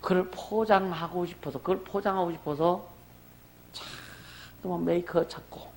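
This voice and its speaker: Male pastor, slightly high and gravelly, conversational sermon with rhetorical questions. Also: steady tone, a little slow, a little mellow, slight background noise. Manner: conversational preaching with rhetorical questions and calls for amen.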